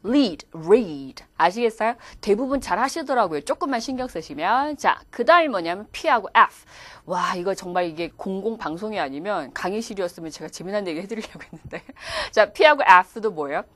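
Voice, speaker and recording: A woman's voice: medium pitch, expressive, moderate pace, hardly any pauses, fairly bright tone, no room sound. A woman teaching English pronunciation in a video lecture, demonstrating words aloud as she explains.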